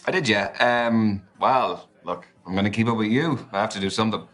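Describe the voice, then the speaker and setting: A man playing an awkward young speed dater with an Irish accent and a very deep voice. He jokes in a dry, hesitant way and stumbles over his words. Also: fairly quick, fairly bright tone, lightly acted. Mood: awkward, joking. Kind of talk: live-action game acting.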